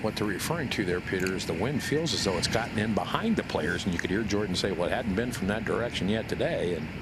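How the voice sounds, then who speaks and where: A man's voice: fairly low pitch, lively intonation, fast talker. A man working as a golf commentator, giving live analysis of shots and conditions. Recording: loud outdoor broadcast background noise.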